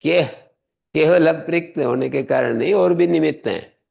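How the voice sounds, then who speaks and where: A man teaching a Sanskrit grammar class, explaining rules step by step and pressing his students to answer out loud. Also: on the high side, normal speed, gravelly, muffled recording. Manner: quizzes students, presses them to answer aloud. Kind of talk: classroom lesson.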